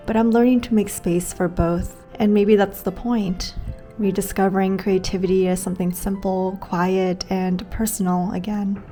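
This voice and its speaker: A young woman chatting casually in a home vlog, relaxed and easygoing, with a soft laugh now and then. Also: fairly low pitch. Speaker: vlogger. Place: small apartment kitchen and home.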